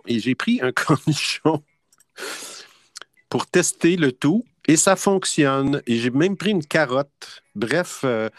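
Speaking with a Québécois French accent, a man hosts a casual online quiz show, playful and chatty and laughing often. His voice is medium in pitch, recorded at studio quality with no echo.

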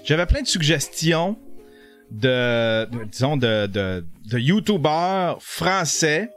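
A middle-aged man with a Quebec French accent comments on a video for his stream in an unhurried, joking way. His voice sits high and swings widely in pitch, and he often trips over his words. Faint music plays behind him. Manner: jokey and animated, stumbles over words. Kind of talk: casual live commentary.

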